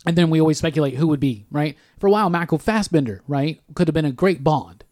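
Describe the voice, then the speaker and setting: A man's voice: a little high, fast talker, a little mellow, dry recording. A man co-hosting a casual podcast chat in a studio, rambling and saying "like" a lot. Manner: rambling, says "like" often. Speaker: podcast co-host. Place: recording studio.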